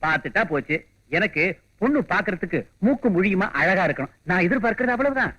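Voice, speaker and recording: An actor playing a jovial elder brother who is a doctor, in a film drama. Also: male voice, sits high, lively intonation, fast talker, bright, forceful tone, dull audio, full character voice. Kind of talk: film dialogue.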